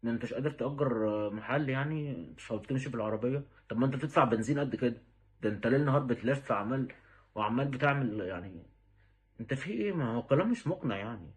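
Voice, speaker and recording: A man's voice: medium pitch, very fast. A man with an Egyptian Arabic accent, talking straight to the listener in an exasperated, pleading rant. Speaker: vlogger. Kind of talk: direct-to-camera rant.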